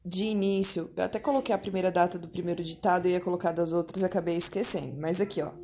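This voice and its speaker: A woman's voice: on the low side, fairly even intonation, quick pace, darkish tone. A woman, a mother, explaining something to her viewers at home in a casual, chatty way, often tagging her sentences with little questions. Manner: chatty, frequent tag questions. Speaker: mother and vlogger. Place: at home indoors.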